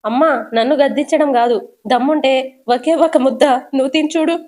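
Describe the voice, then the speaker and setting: A woman's voice: high-pitched, fairly quick, darkish tone, close to an everyday voice. A woman voicing a whiny young man who complains dramatically.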